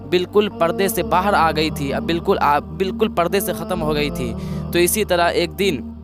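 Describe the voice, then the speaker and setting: A man preaching through a moral story, repeating and restarting his phrases and calling his listeners brothers. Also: fairly high pitch.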